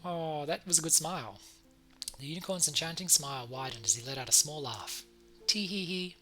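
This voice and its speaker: Male let's play host, very bright forceful voice, reading story text with wry casual asides, music behind. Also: on the high side, a little fast. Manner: stop-start, repeats words, wry asides. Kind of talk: reading a visual novel aloud with casual commentary.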